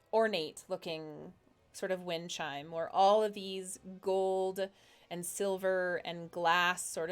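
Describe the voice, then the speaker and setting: A woman's voice: fairly low pitch, smooth. A woman narrating as game master in a tabletop game, describing scenes while searching for words.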